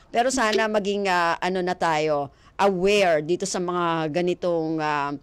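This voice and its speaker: A woman's voice: on the low side, measured pace, clean tone. A woman hosting a casual radio interview, chatty and playful, laughing often into a studio mic. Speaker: radio host.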